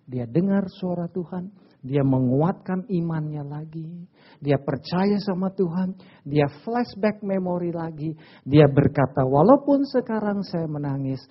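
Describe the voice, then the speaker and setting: A man preaches to his congregation, mixing stories and banter. His delivery swings from hushed asides to loud, emphatic bursts. The recording is a little dull and lo-fi. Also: on the high side, lively intonation, unhurried, slightly rough. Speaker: pastor. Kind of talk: lively sermon with stories and audience banter. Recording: slightly dull lo-fi church recording.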